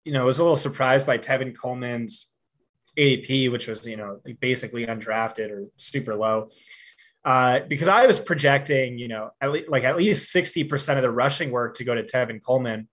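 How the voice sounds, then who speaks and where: This man talks fantasy football on a laid-back podcast, his mid-range voice brisk and a little bright. Fillers and false starts are frequent, but he states his views with confidence.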